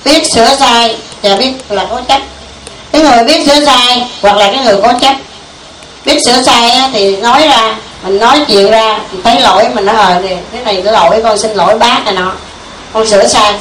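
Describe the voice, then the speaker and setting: A woman's voice: fairly high pitch, fairly quick, a bit bright. A woman giving a folksy Buddhist sermon, full of rhetorical questions and small chuckles. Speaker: Buddhist preacher. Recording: echoey room from far off.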